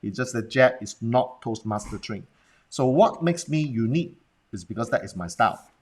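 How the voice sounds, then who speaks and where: A business presentation coach with a Hong Kong accent speaks bluntly to viewers in a Facebook Live session, often asking rhetorical questions and checking in with them. His medium-pitched voice is expressive and darkish, at normal speed.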